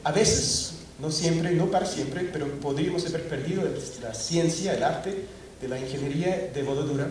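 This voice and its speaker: A middle-aged conference presenter from Scotland talks through technical material to a packed auditorium, his mid-pitched voice a little mellow and moving at normal speed. He pauses, restarts, and leans on fillers throughout. The recording is distant and very echoey, with a faint hum underneath.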